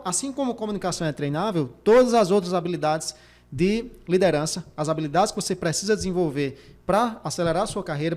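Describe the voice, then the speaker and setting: A Brazilian man, a career coach, hosts a motivational podcast about careers, speaking quickly in a fairly high voice. He is emphatic and drives home key points by repeating them, and at times demonstrates changes of tone while explaining vocal techniques for speaking well.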